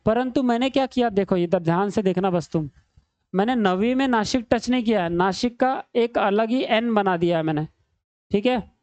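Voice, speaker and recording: Chatty male tutor, dark smooth voice. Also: high voice, moderate pace, no echo. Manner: chatty, teasing, calls students beta and bhai. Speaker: teacher. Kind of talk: exam-prep reasoning lesson at a screen.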